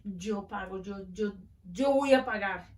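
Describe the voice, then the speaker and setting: A woman's voice: mid-range voice, slow pace, a little mellow, natural voice. A woman playing a frightened male servant who begs his master, stammering as he pleads. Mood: pleading. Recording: roomy, distant mic.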